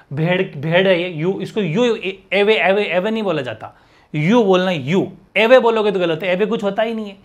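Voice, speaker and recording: High-voiced male teacher quizzing students. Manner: explains with many rhetorical questions and repeated sounds. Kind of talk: exam-prep grammar lesson.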